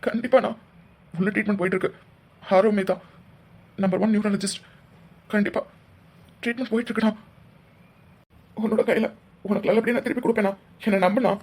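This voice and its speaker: A soothing younger brother in a cartoon drama, played by a woman, low and hushed as he breaks bad news. His husky voice stays gentle and steady. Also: quick pace, long pauses. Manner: soothing, reassuring. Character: calm reassuring younger brother.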